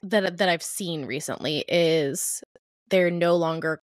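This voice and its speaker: Low-voiced woman, dry close sound. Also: slow, dry recording. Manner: chatty, hedging with "I think" and "like". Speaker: podcast co-host. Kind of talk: casual chat.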